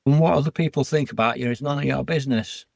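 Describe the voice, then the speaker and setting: A man with a Yorkshire accent talks earnestly and plainly about his life as a podcast guest, in a candid, heartfelt interview. His voice is medium-pitched and fast with some vocal fry. The recording is clean studio sound with no room echo.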